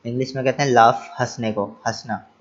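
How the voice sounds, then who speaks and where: A man's voice: mid-range voice, fairly even intonation, a little fast, dull audio. A male teacher explaining English action words to children. He spells each word letter by letter, then repeats it, translates it and asks the class rhetorical questions.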